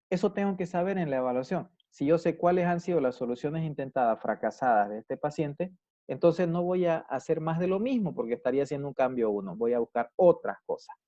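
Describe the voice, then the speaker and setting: Lecturer with a dark, dull-sounding voice. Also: male voice, medium pitch, no room sound. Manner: explanatory, checks understanding with frequent "¿ya?". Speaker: psychology lecturer. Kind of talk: recorded university lecture.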